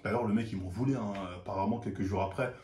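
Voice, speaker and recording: A young man from the telling a story casually, with slang and an animated, acting-out delivery. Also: lowish voice, fast talker, slight background noise. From France, Paris suburbs. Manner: animated, slangy, acts out quoted lines. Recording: roomy echo.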